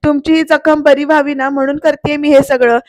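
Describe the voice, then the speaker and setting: Sharp-tongued young wife woman reading her, scolding, high voice, dry sound. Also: little pitch movement, a little fast, dry recording, natural voice. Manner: scolding, taunting.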